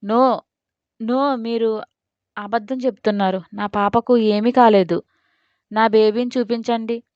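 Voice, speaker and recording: A woman's voice: fairly high pitch, fairly even intonation, takes it slowly, clean tone, no echo, highs cut off. A woman doing a distraught young mother. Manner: pleading, then shouting accusations. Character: distraught young mother crying for her baby.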